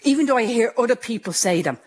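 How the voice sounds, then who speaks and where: A woman's voice: fairly high pitch, expressive, fast talker, slight background noise. A woman from Ireland with a speech impediment, telling her own story in a candid, self-mocking way and carefully sounding out hard words. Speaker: interviewee. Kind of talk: personal storytelling.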